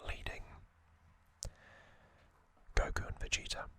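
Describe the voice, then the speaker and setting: A man hosts ASMR in a breathy whisper, gently recapping trivia in short, halting phrases.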